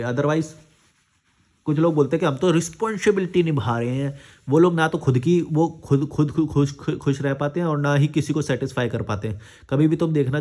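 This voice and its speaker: Regular guy answering his viewers' comments, talks frank and blunt, scolds them a bit, medium pitch. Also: a little mellow. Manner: mixes English words into his talk. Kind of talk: casual commentary reading comments.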